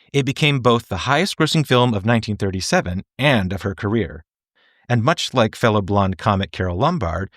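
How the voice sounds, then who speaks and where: Low-pitched man narrating a scripted video essay. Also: no room sound, clean studio sound. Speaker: film reviewer and narrator.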